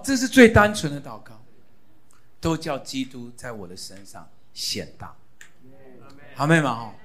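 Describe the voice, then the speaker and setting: A middle-aged male pastor preaching a sermon on prayer. He exhorts the congregation and repeats key phrases loudly. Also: sits high.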